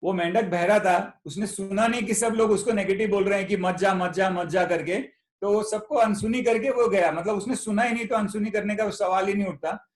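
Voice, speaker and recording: A man's voice: high-pitched, fairly quick, roomy sound. A man giving a motivational talk at a club meeting. He tells a story and often repeats his words. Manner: storytelling, repeats words, mixes Hindi and English. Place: meeting room.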